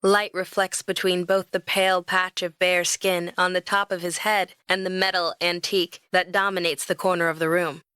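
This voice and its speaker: Brief: young woman, romance audiobook narrator, lively and expressive, close dry read. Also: lowish voice, moderate pace, few pauses, smooth, no room sound.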